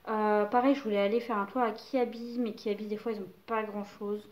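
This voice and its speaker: A woman's voice: medium pitch, fairly even intonation, brisk. A young woman casually chatting about clothes to camera, hesitant and full of fillers. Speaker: mother showing baby clothes haul.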